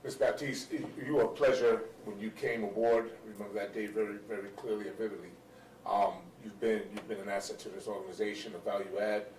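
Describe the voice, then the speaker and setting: A man with a lowish voice chairs a school board meeting, measured and a bit halting. His voice echoes from across the room. Constant noise sits under him. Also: fairly even intonation, a little mellow. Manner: measured, repeats words while finding them. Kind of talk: formal board meeting remarks. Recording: echoey room mic from far off.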